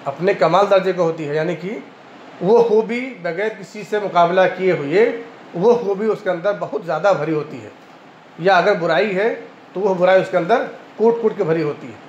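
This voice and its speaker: A man with an Indian Urdu accent lectures on grammar in a fairly high voice, going over each point twice and checking in with his students. The madrasa classroom rings with echo, and the recording sounds dull and muffled with a faint hiss under it. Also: normal speed. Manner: clears throat often. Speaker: Arabic grammar teacher.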